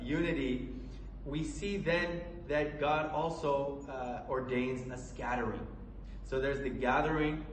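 A man from Colorado preaching a sermon in an earnest, halting way, with many fillers and restarts. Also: medium pitch, far from the mic, a little hiss or hum. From Colorado, USA. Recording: echoey room from away from the mic.

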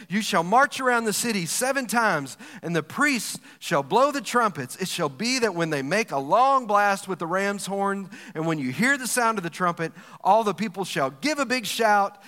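Bright-voiced, joking male pastor preaching. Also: high-pitched. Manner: lively, joking, talks directly to the congregation. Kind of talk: sermon. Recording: long reverb of a large hall.

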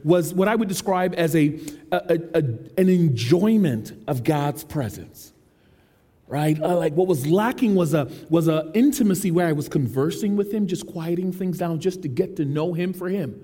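High-voiced man preaching in a reverberant hall. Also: normal speed, mellow. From United States. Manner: casual, self-deprecating and joking. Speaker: teaching pastor. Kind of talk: conversational sermon. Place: large church sanctuary.

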